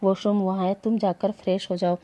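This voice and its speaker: A woman's voice: medium pitch, little pitch movement, brisk, dark tone, natural voice. A woman voicing a shy, easily flustered young man in a story she narrates. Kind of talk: storytelling voice acting.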